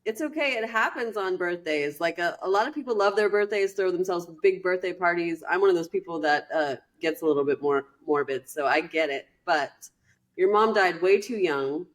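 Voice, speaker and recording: A woman's voice: fairly low pitch, normal speed. A woman co-hosting a casual podcast, curious and sympathetic, asking lots of questions. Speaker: podcast co-host.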